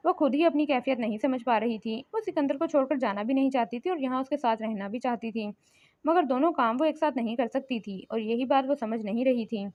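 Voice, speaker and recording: A woman reads a romance novel aloud in a steady, emphatic way. Her voice sits high. The dry, close recording sounds a little muffled. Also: brisk, no room sound. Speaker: audiobook narrator. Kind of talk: scripted novel narration.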